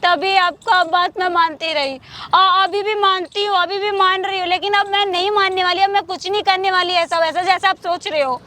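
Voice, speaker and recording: A woman's voice: extremely high pitch, steady tone, a little fast, hardly any pauses, sharp tone, slight background noise. A young actress playing a newly married woman who pleads to be left alone, in a short-film drama. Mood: pleading. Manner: pleading, protesting.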